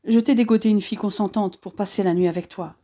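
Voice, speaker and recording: A woman playing a coarse, commanding SS officer in an audiobook. He barks blunt orders, his voice pushed up and louder, with a mellow, dark tone. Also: medium pitch, fairly even intonation, quick pace, natural voice. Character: gruff male SS officer, commanding and crude.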